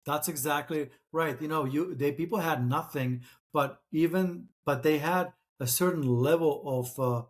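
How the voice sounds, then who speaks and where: A middle-aged author who grew up in Czechoslovakia and speaks Czech natively appears as a guest in a conversational interview. His voice is fairly high and unhurried, with hardly any pauses, yet he sounds hesitant, restarting often and leaning on fillers.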